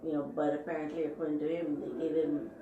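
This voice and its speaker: A woman's voice: low-pitched, flat delivery, fast, lo-fi sound, a crowd in the background. A middle-aged woman, a patient's mother, explaining firmly in a heated discussion, secretly recorded on a hidden wire. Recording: hidden-wire recording, echoey, faint noise.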